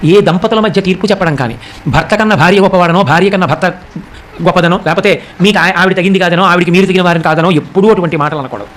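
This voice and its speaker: A man delivers a devotional discourse on a sacred epic, reciting verses slowly and explaining them. His voice sits high, and he acts out the characters' lines in a softer voice.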